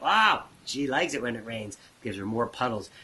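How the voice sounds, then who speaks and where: A man's voice: mid-range voice, very animated, normal speed. A man hosting a children's music lesson, playful and talking straight to the kids. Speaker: children's show host. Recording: noisy recording.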